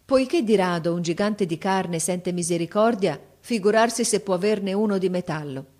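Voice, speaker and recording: A woman narrating a storybook tale in a measured, expressive reading. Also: mid-range voice.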